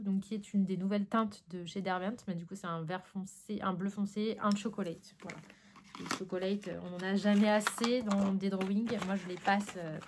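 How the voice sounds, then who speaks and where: A French woman vlogging casually at home as she unboxes art supplies, sniffly from a tickling nose, chatty and excitable with lots of fillers. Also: medium pitch, noisy background.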